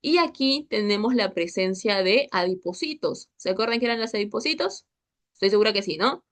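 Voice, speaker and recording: A woman's voice: medium pitch, lively intonation, fairly quick, fairly bright tone. A young woman tutoring a histology class online, chatty and checking in with her students all the time. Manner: chatty, checks in with constant "¿ok?" and "¿listo?".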